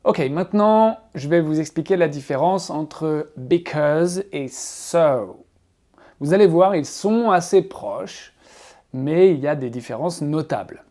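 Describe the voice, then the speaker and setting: Slow-paced teacher. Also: male voice, fairly high pitch, dark tone. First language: French. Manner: playful, self-mocking asides; slow, exaggerated English examples. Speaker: English teacher. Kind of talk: casual video lesson. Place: alone in a room, not a classroom.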